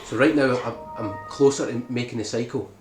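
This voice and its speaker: Over music, a speedrun guide maker speaks a little fast in a steady, mid-range voice. He narrates his tutorial explanatorily, frequently tossing in "right?", in an echoey, noisy room.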